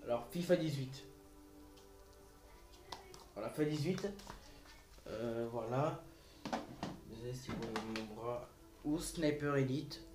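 A man's voice: medium pitch, slow pace, long pauses, music in the background. A man hosting a casual gaming tutorial vlog, hesitant and rambling, with many fillers and restarts, recorded on a phone. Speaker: gaming video host.

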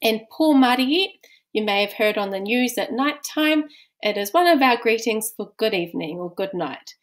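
A woman's voice: on the high side, lively intonation, normal speed. A woman with a New Zealand accent teaching a recorded language course, explaining patiently step by step.

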